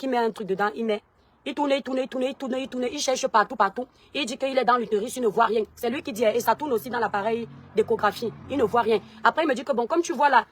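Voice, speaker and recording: Fast-talking woman telling her story. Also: a little high, no echo. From Cameroon. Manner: animated storytelling, talks straight to her followers. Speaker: vlogger. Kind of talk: personal testimony to viewers.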